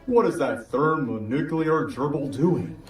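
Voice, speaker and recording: A man's voice: a little high, expressive, measured pace, faint music behind. A man playing a gleeful, zany mad-scientist villain in a comic fan skit, hammy and exaggerated. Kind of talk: amateur comedic fan skit. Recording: echoey room, far from mic.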